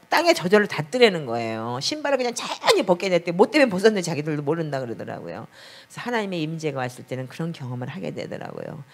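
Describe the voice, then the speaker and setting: A middle-aged woman pastor preaching a sermon and telling a personal testimony with emotion. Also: lowish voice. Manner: emotional storytelling, voice rises when praying aloud. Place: basement prayer room of a small church.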